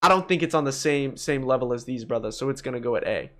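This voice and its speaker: Speaking quickly in a mid-range, fairly bright voice, a man hosts a gaming video full of blunt, casual, slangy ranking commentary. He keeps calling viewers "bro" over background music.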